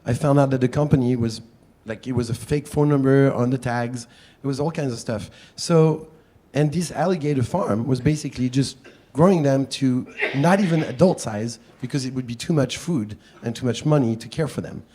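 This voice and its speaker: A man with a French accent talks to a public panel in a soft-edged, mellow tone. His delivery is chatty and self-deprecating, like an activist explaining things informally. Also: mid-range voice, moderate pace, slight background noise. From France. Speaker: panel speaker, wildlife activist.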